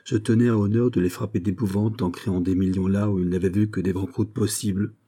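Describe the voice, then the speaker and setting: A man's voice: on the low side, fairly even intonation, quick pace, dark tone, husky. A man reading the part of a proud, anxious finance minister, speaking earnestly. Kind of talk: audiobook character reading.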